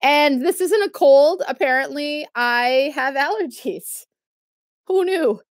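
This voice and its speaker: A woman's voice: sits high, a little slow, dry recording, studio quality. A middle-aged woman chatting casually on a livestream, sassy and snarky, laughing often and filling gaps with lots of ums. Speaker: YouTube live streamer.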